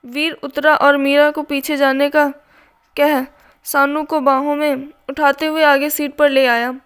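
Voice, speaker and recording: A woman narrating a scripted story in a measured, plain way. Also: high voice, level tone, fairly bright tone.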